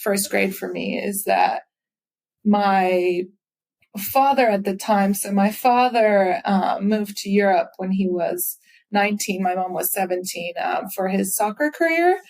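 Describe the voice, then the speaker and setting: Brief: mid-pitched woman guest, thoughtful, laughs lightly between points. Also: unhurried, a little mellow. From Belgium and the U.S. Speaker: podcast guest. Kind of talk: casual podcast interview.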